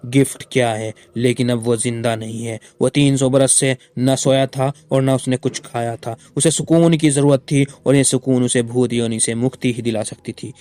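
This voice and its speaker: A man voicing a brave young girl in a storybook tale, speaking calmly and matter-of-factly. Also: mid-range voice, moderate pace, hardly any pauses, close to an everyday voice.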